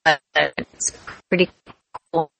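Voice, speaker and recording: A woman's voice: slow, fairly bright tone. A woman in a casual online voice chat whose voice keeps breaking up and cutting out over a bad connection. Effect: voice breaking up and cutting out over a choppy connection. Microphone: computer or phone mic in an online voice chat.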